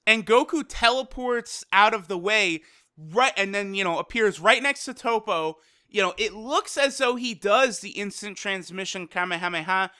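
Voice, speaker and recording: A man's voice: high voice, normal speed, pushed and bright, clean tone, dry recording, studio quality. A young man casually reviewing an anime episode, talking loosely and profanely with lots of "you know" and "like.".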